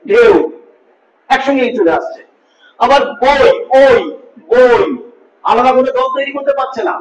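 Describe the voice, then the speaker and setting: Very high-voiced male teacher, echoey and distant. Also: slight background noise. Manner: patient, repeats points, asks students questions. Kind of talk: classroom grammar lesson. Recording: echoey room, distant mic, dull lo-fi.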